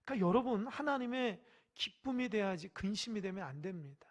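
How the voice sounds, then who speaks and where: A pastor preaching a midweek sermon in a church, emphatic and questioning the congregation directly, swinging from loud exhortation to hushed asides. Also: medium pitch, lively intonation, brisk. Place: church sanctuary.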